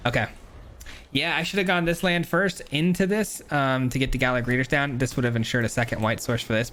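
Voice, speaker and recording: A man's voice: medium pitch, a bit bright, a little hiss or hum. A man casually commenting on his own card game as he plays, chatty and self-critical, with frequent ums and uhs. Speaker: gameplay streamer.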